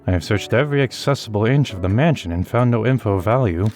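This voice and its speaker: A man voicing an emotionless, doll-like female servant spirit in a game, speaking in a flat, formal and polite way. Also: lowish voice, quick pace, soft background music, close to an everyday voice.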